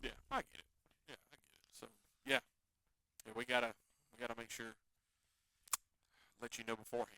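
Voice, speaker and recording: A man's voice: mid-range voice, big pitch swings, a little fast, vocal fry, pauses often, pushed and bright. A man from the hosting a casual chat show, joking around and repeating phrases. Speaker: podcast host.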